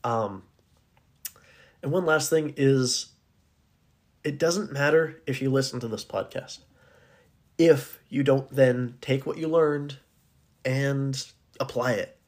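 A man with a raspy, hoarse voice talking casually and earnestly as the solo host of a podcast. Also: medium pitch, slow, pauses often, darkish tone. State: hoarse, needing to clear his throat.

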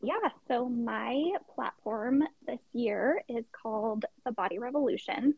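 A middle-aged woman with a husky, gravelly voice chats easily as a podcast guest, telling her story in an open, conversational way. The sound is dry and a little dull, like a lo-fi recording. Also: a little high, a little slow, no room sound. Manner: chatty storytelling with frequent laughs. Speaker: podcast guest, pageant contestant. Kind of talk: casual interview chat.

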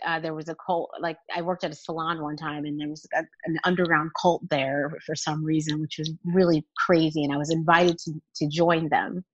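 A woman giving personal testimony as an interview guest, candid and halting in conversation. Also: low voice, no room sound. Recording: dull, lo-fi, close dry sound.

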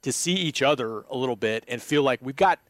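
A man co-hosting a sports podcast, musing thoughtfully in a casual chat. His mid-pitched voice comes across dry and close on the mic. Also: lively intonation, a little fast, fairly bright tone, no room sound. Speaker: podcast co-host.

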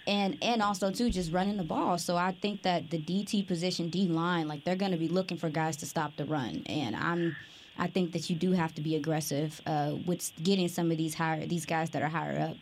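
Woman, co-host, animated, lowish pitch, faint background noise. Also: fairly quick. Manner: animated, uses "like" often. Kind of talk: casual chat.

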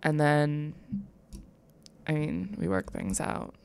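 A young woman in her twenties co-hosts a casual chat podcast and tells a personal story in a frank, rambling way. Her voice sits low and sounds smooth and clean. The recording is dry and close. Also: animated, takes it slowly, darkish tone, no echo. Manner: candid, rambling storytelling with many likes. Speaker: podcast co-host.

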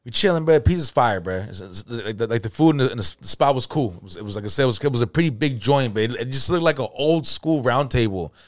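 A man's voice: medium pitch, animated, fast, hardly any pauses, dry recording, studio quality. A man telling a story in casual podcast chat, laid-back and slangy, acting out the people in it. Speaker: podcast co-host.

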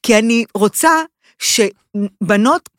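A woman's voice: mid-range voice, no room sound, clean studio sound. A woman with an Israeli accent chatting and commenting on fashion as a podcast host, emphatic and theatrical, repeating words and mixing in English. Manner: emphatic, theatrical, with repetitions and English phrases mixed in. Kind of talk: casual chat and fashion commentary.

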